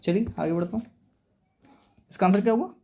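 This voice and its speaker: Guy teaching english exam prep, mellow warm voice, spells words out, keeps checking in. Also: high voice, a little fast, gravelly. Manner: explanatory, repeats "okay" to check understanding. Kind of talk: exam-prep vocabulary and grammar lesson.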